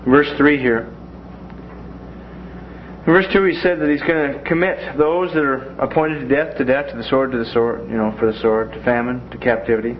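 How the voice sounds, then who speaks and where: At a normal speed and medium pitch, a man who teaches the Bible guides a classroom lesson in a folksy way, slipping in humorous asides. The audio is dull and lo-fi, with faint hiss underneath his voice.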